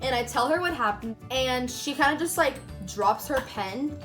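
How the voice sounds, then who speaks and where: A young woman with a slightly high voice recounts a personal story straight to the camera, rambling casually and leaning on "like" at every turn. She is recording in a room at home as the daylight fades. Faint music plays under her voice. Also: lively intonation, normal speed, fairly bright tone. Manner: chatty, filler-heavy retelling with many "like"s. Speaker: YouTuber telling a personal story.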